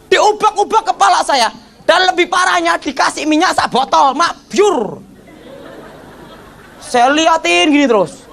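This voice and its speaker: A male evangelist telling his testimony in an animated storytelling sermon, acting out voices. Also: very high voice, creaky. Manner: animated, acts out voices, addresses audience as brothers.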